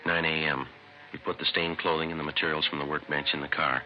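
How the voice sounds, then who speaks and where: A man with a very deep, flat-toned voice plays a terse, methodical police detective narrating his case in clipped, matter-of-fact 1950s radio drama fashion. He speaks quickly, deadpan and official, on a vintage recording where the audio is dull and loud music plays beneath him.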